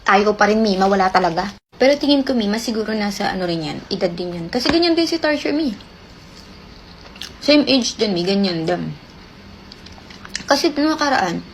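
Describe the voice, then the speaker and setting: A woman's voice: mid-range voice, a little hiss or hum. A woman telling a rambling personal story in casual chat, chatty and full of fillers. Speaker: caller sharing a relationship story.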